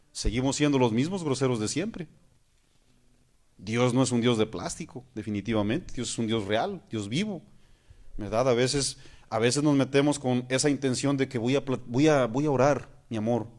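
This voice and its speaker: A man, a pastor preaching a sermon. He asks his listeners questions and keeps calling them "hermanos". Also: mid-range voice. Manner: acts out praying voices mid-sermon.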